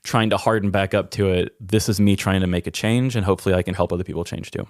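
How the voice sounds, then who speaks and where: This podcast host has a low, steady voice and speaks fast, sharing personal matters in an earnest, candid, self-deprecating way and then moving into reading a personal essay. It's recorded in studio quality with no echo.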